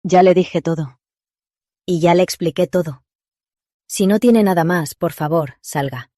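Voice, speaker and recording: A woman's voice: fairly low pitch, unhurried, dark tone, no room sound, studio quality. A woman voicing a composed young female surgeon who explains steadily and firmly, in a Spanish drama dub.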